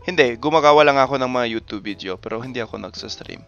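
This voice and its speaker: A man in his twenties chats with a non-native Tagalog accent and choppy, careful phrasing. His voice has a gravelly fry, and the recording is dull, with music underneath. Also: mid-range voice, quick pace. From Canada. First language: English. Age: 20s. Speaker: video maker talking with strangers online. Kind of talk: casual chat.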